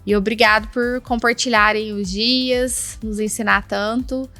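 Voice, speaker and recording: A woman's voice: fairly high pitch, fairly even intonation, a little slow, pushed and bright, faint music behind. A middle-aged Brazilian woman with a slight tongue-tied lisp, chatting casually and encouragingly as a podcast guest.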